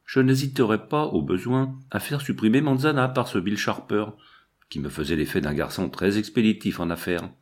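Low-voiced man narrating a novel. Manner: measured, storytelling. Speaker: audiobook narrator. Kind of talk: scripted narration.

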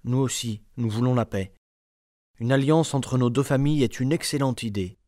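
A man playing a wise, fair king in a storybook, speaking in a measured, authoritative way. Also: mid-range voice, a little mellow, dry recording, clean studio sound, natural voice. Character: wise fair older king, calm and just.

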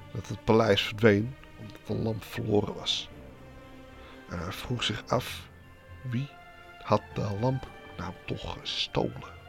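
A man's voice: lowish voice, vocal fry. A man hosting a podcast, retelling a fairy tale casually with wry, joking asides. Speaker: podcast host, storyteller.

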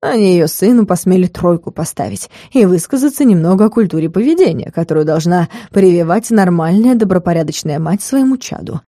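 A woman narrating a first-person fantasy novel in an ironic, lively manner. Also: on the low side, a little fast, few pauses, dry recording, studio quality. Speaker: audiobook narrator.

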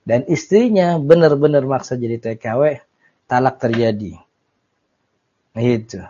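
Male teacher, relaxed and joking, mellow dark voice, dull lo-fi recording. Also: medium pitch, a little slow, breathy edge. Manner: relaxed, joking, reads Arabic then explains. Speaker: Islamic teacher. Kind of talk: casual kitab study lesson.

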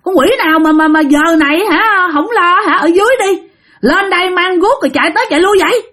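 Brief: woman voicing irritable aunt, shrill high scolding, lively swings. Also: a little fast.

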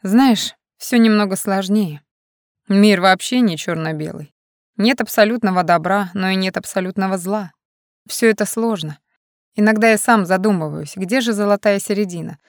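Stern male militia leader, read by a woman, measured lecturing delivery, dry sound. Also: medium pitch, no echo, close to an everyday voice. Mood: reflective. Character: serious stern man, militia leader, self-assured.

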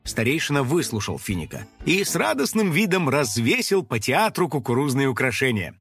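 Husky man narrating a children's story. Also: medium pitch, moderate pace, soft background music. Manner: animated, acting out the story.

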